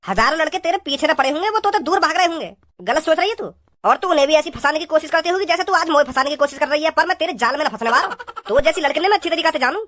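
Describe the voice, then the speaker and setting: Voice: high-pitched, lively intonation, a bit bright. A performer voicing a cocky, rude young village man in a cartoon who mocks and insults. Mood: mocking. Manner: mocking, insulting, fast-talking. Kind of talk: cartoon voice acting.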